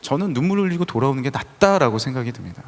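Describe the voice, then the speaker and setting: A man preaching a sermon as pastor, telling stories in an animated way and acting out the people he quotes. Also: mid-range voice, rapid-fire. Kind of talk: lively sermon with acted-out quotes. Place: church sanctuary. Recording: reverberant church hall.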